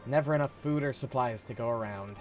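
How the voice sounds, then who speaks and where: A man's voice: medium pitch, fast talker, darkish tone, soft background music, close to an everyday voice. A man voicing a weary, dutiful male soldier from a video game in an earnest, plain-spoken way. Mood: earnest, apologetic. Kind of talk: video game dialogue read aloud in character.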